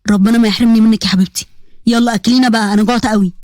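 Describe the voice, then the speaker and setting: A woman voicing a caring middle-aged uncle with an Egyptian accent, in a soft, coaxing, fatherly way, for a narrated story. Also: a little high, fairly even intonation, racing, dry recording, clean studio sound, pitched below the performer's own voice, close to an everyday voice. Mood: tender.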